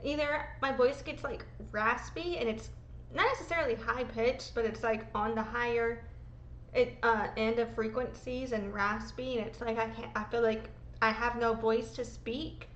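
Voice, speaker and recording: A woman vlogger in her thirties is sick with a sore throat, her voice lower than usual yet still fairly high and bright. She rambles emotionally in a casual vlog from a roomy home room being packed up. The recording is muffled, with a little hiss or hum.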